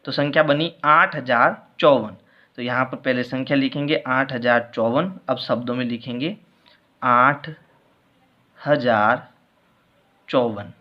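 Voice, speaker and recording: A man's voice: on the high side, lo-fi sound. A man teaching a maths worksheet lesson, patiently explaining step by step and repeating each answer.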